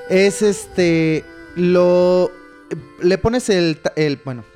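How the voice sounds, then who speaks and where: Mexican guy slangy n relaxed, kinda high voice, faint music behind. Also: drawn-out words, clear, resonant tone. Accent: Mexican Spanish. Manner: slangy, laid-back, says "güey" constantly. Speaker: podcast co-host. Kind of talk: casual chat.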